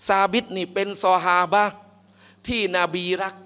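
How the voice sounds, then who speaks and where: A male religious teacher giving an animated Quran commentary lesson, who acts out characters and quizzes his listeners. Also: normal speed. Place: mosque hall. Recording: long hall reverb.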